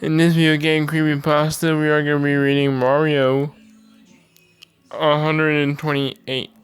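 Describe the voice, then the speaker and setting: A man's voice: on the high side, flat delivery, measured pace, clean tone, no echo, faint music behind. A male video host giving a casual, informal introduction straight to viewers.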